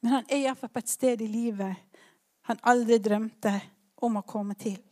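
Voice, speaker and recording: A woman's voice: a little high, fairly even intonation, mellow. A woman preaching a sermon, retelling a Bible story in a conversational way with personal asides and fillers.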